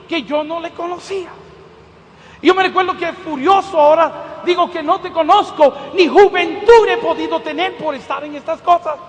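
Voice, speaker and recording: Male preacher, very high voice, fervent testimony-sermon delivery, keeps calling the listeners "dear brother", long hall reverb. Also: slight background noise.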